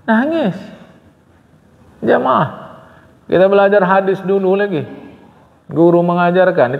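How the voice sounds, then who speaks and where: A man's voice: sits high, vocal fry. Older male religious teacher in an echoing hall. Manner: earnest, keeps addressing the congregation; asks the audience rhetorical questions. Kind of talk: Islamic study lecture. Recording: reverberant hall, dull lo-fi sound.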